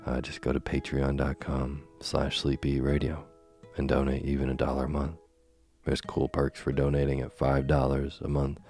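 A man with a very deep, gravelly voice hosts a sleep podcast, reading a bedtime story softly, slowly and soothingly even as he loses his voice. Faint music plays behind him.

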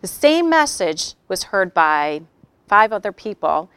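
Woman trainer addressing a workshop, lively storyteller, resonant lower voice, dry sound. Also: unhurried, clean tone, no echo. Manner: animated storytelling with acted quotes. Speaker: workshop speaker. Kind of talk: workshop talk to an audience.

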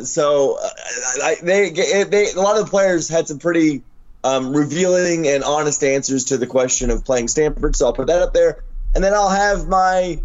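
A man with a gravelly, worn-out smoker's rasp, pitched a bit high despite it. He talks sports casually and makes fun of himself. The recording is dull and lo-fi. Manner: self-deprecating. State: hoarse, worn out from lack of sleep. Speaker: sports writer and podcast panelist.

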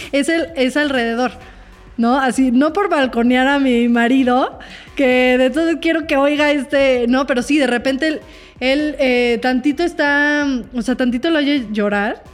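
A woman's voice: sits high, moderate pace, soft background music. A woman, hosting a podcast and chatting casually as a mother, acting out family dialogue with many fillers. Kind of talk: casual chat.

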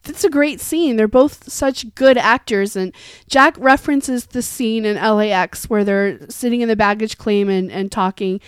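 A woman's voice: medium pitch, normal speed, clear, resonant tone, no echo. A woman co-hosting a podcast, enthusiastically musing about a TV episode in casual chat. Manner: enthusiastic, wondering aloud. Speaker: podcast co-host.

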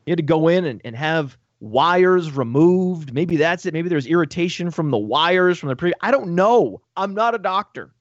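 A man talking fantasy football on a casual sports podcast, excitable and joking, with profane rapid asides. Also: on the high side, no room sound. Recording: dull lo-fi dry audio.

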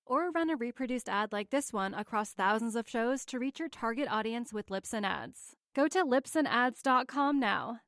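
A woman's voice: a little high, a bit bright, dry recording, clean studio sound. A woman reading a scripted podcast ad in an upbeat, polished manner. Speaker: ad announcer. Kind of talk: scripted ad read.

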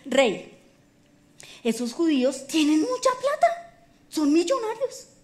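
A woman preacher speaks as a scheming courtier with a sly, wheedling pitch, coaxing in a high voice that swoops upward on his boasts. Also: moderate pace, darkish tone, lightly acted. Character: scheming, greedy court official.

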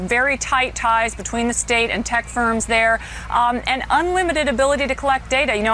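A woman's voice: on the high side, pushed and bright, a little hiss or hum. A woman panel guest giving thoughtful, explanatory commentary.

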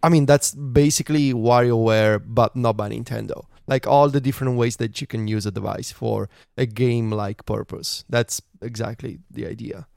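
A man's voice: mid-range voice, steady tone, creaky, a little mellow, no room sound. Man, podcast co-host, casual chat, filler-heavy, laughs easily, dry sound. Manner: chatty, lots of "like" and "uh", quick to laugh.

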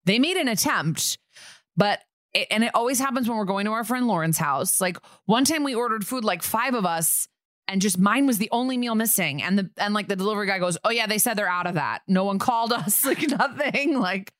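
A woman's voice: medium pitch, animated, a little fast, fairly bright tone, no room sound, studio quality. A woman in her thirties, nine months pregnant, co-hosting a podcast in chatty, storytelling talk with frequent laughs. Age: 30s. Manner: chatty, laughs while telling stories. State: heavily pregnant. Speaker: podcast co-host. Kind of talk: casual chat.

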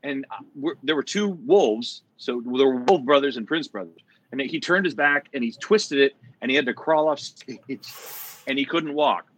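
A man recounts a theatre story in casual talk, hesitating and correcting himself as he goes. His voice sits at a middle pitch for a man. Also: lively intonation, normal speed, a bit bright, breathy edge, low-quality recording. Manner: rambling, full of fillers and self-corrections. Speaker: Broadway actor guest. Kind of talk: casual chat.

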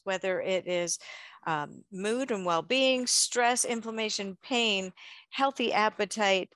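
A woman's voice: medium pitch, fairly bright tone, no room sound. A woman hosting a health radio show, leading a chatty interview.

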